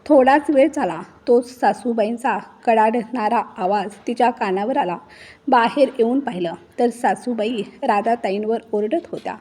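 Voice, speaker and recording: A woman narrating a written story with a steady, expressive reading. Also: on the high side, normal speed, breathy edge.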